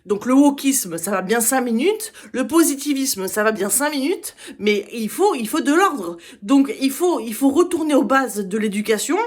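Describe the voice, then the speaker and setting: A woman's voice: on the high side, expressive, darkish tone. Hesitant woman delivering a blunt rant. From Italian heritage. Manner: halting, many hesitations and restarts. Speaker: political candidate. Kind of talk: impassioned campaign speech.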